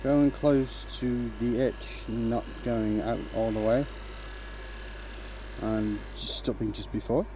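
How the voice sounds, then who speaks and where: A Danish man hosts a woodturning live stream, talking casually and explaining each step as he works, relaxed and frequently asking "right?". His light accent is mostly a mix of English accents picked up online, with a trace of Danish. His medium-pitched voice takes things slowly over background noise.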